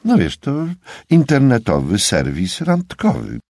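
A man's voice: mid-range voice, wildly swooping pitch, a little slow, creaky, darkish tone, no echo, studio quality, pitched above the performer's own voice, full character voice. A man voicing a teasing young woman detective. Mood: breezy. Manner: teasing, breezy.

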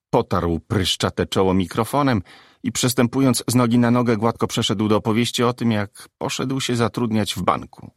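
Lively, low-voiced male narrator. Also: creaky, no room sound, clean studio sound. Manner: expressive, lively storytelling. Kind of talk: audiobook narration.

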